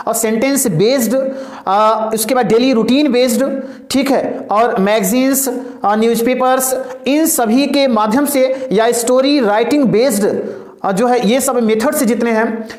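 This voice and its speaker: A man teaching an English vocabulary lesson. He repeats his points, asks questions and answers them himself, calls his listeners "dear", and drills pronunciation call-and-response style. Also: very high-pitched. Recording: echoey room.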